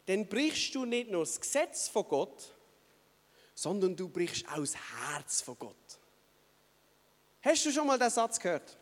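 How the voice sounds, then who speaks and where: High-voiced Swiss preacher in a reverberant hall. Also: male voice. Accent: Swiss German. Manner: earnest, building to emphatic rhetorical questions. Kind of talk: sermon.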